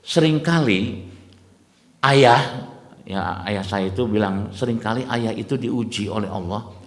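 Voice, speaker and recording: A man giving a dawn lecture sermon, telling animated stories and often addressing the listeners as "Pak". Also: on the low side, unhurried. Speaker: Islamic preacher. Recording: echoey hall with long reverb.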